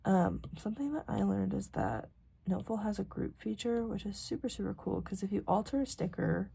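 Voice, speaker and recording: With big pitch swings over a mid-range voice, she talks briskly, her tone mellow with vocal fry and a breathy edge. A young woman from rural South Dakota who vlogs about planners, she chats in a loose, rambling, self-deprecating way as she works, murmuring to herself at times.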